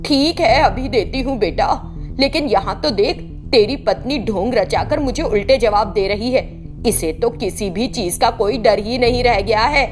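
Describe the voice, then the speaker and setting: Woman voicing a shrill scolding mother-in-law. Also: measured pace, faint music behind, natural voice. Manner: scolding, shrieking, sarcastic. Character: arrogant, shrill, nagging old mother-in-law.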